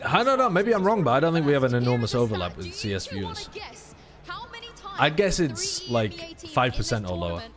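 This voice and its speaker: Lively, excitable male streamer. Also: medium pitch, a little fast, music in the background. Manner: excitable, profane, thanks subscribers. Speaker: streamer hosting a watch party. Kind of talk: casual live co-stream chat. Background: esports broadcast audio playing.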